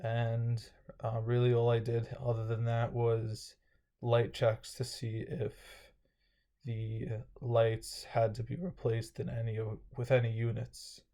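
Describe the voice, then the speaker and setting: Recapping his day in a loose, rambling vlog, a young man with a somewhat dry throat stumbles through lots of fillers and restarts. He speaks slowly in a mid-range, dark-toned voice with an entirely flat delivery.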